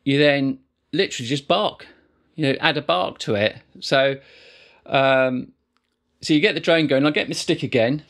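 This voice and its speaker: A man's voice: mid-range voice, moderate pace, gravelly. Man casually explaining a didgeridoo technique. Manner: relaxed, rambling, with many fillers and restarts. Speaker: didgeridoo teacher.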